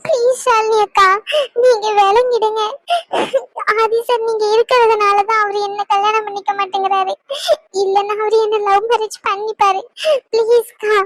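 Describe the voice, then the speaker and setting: A woman's voice: very high voice, little pitch movement, moderate pace. A woman voicing a lovesick young coworker in a cartoon, begging tearfully. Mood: tearful pleading.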